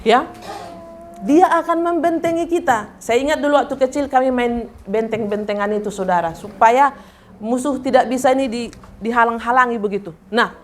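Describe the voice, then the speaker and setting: Woman pastor preaching a lively sermon. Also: a little high, normal speed. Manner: animated, questions the congregation directly. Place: church service.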